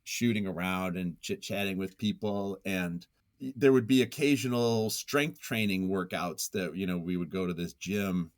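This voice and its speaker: Recorded dry and clean in a studio, a man with a low voice speaks at a measured pace with fairly even intonation. As a writer and journalist in an interview, he's casual, goofy and self-mocking, often chuckling mid-sentence.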